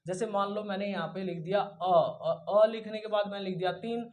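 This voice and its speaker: A man teaching a lesson who explains step by step, asks questions and answers them himself, and stretches sounds slowly to show how they are said. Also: high voice, steady tone. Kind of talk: classroom lesson.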